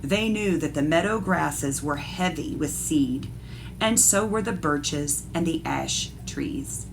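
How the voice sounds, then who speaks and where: A woman with a deep, gravelly, animated voice takes her time reading a picture book aloud as an art teacher. She addresses young listeners directly and instructs them as she goes, over background noise.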